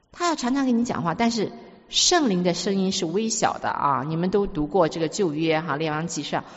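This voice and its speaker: Animated woman preaching in a hall. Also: medium pitch. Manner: emphatic, storytelling with repeated words. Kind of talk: sermon. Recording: dull recording with long hall reverb.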